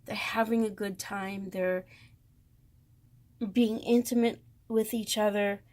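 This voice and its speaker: A woman with a Boston accent, talking slowly through a tarot deck comparison with many pauses and fond praise. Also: mid-range voice, fairly even intonation, a little mellow. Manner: slow, hesitant, lots of ums, gushing. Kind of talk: casual deck walkthrough.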